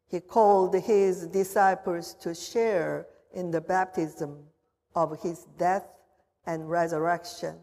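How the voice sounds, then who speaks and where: A woman pastor leads prayers in a slow, formal way with a fairly low voice. Her words ring out with a long cathedral echo, as if she is speaking in a large, reverberant church. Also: darkish tone. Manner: measured, formal liturgical reading. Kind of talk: leading a confirmation liturgy. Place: church sanctuary.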